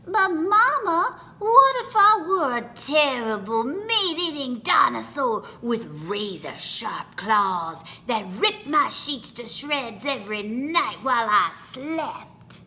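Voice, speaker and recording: Storybook child played by a woman: whiny, anxious, imaginative, very high and swooping, bright delivery. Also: animated, slow, hardly any pauses, slight background noise, heavily acted. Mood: worried, dramatic. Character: imaginative, anxious young child pleading with Mama.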